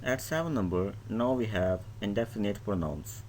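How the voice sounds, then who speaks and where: A man's voice: fairly low pitch, animated, moderate pace, darkish tone, a little hiss or hum. A man teaching an English grammar lesson who reads each definition, restates it in his own words, and lists example words one by one.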